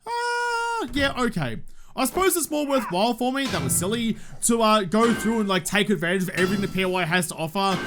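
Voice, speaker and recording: A man's voice: high-pitched, big pitch swings, a little fast, music in the background. An Australian man giving casual gameplay commentary, talking in a slangy, joking, cheerfully sweary way. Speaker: gaming video host.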